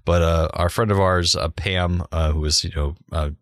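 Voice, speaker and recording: A man with a low, gravelly voice, chatting casually as a podcast co-host. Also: steady tone, moderate pace, no room sound. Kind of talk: casual chat.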